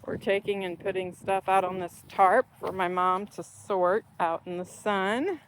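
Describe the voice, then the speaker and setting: A middle-aged woman hosts a casual vlog from a dusty country barn, chatting upbeat to viewers as she works, her voice congested and nasal from the dust. It's medium-pitched and fairly even in intonation, a little slow, with a slight hiss or hum on the recording.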